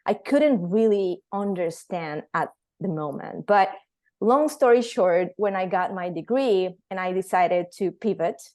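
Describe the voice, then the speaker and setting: A woman's voice: mid-range voice, lively intonation, a little slow, darkish tone. A woman from Venezuela, a company founder, telling her story as an interview guest in a chatty way with many fillers. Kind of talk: casual interview answers.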